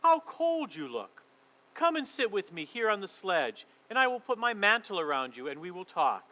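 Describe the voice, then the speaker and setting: A man reading a storybook aloud and voicing a cold, imperious queen with loud, scornful outbursts. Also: high voice, big pitch swings, moderate pace, exaggerated voice, low-quality recording. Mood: coaxing.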